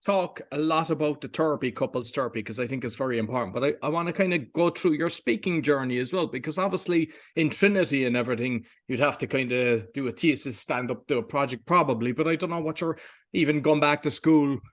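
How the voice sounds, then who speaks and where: A man's voice: medium pitch, fast. A man with an Irish accent hosting a casual interview, putting informal, meandering questions to a guest. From Ireland. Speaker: podcast host, interviewer.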